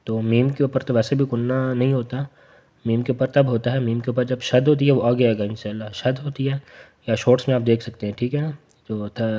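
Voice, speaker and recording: A young man teaching Quran reading, drawing out each spelled syllable slowly, then chatting casually between words. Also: mid-range voice, mellow.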